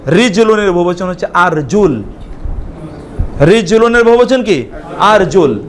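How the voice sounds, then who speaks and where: A man with a Bangladeshi accent teaches a live Arabic class, explaining slowly and repeating each word so his students can answer. His voice is high with lively intonation.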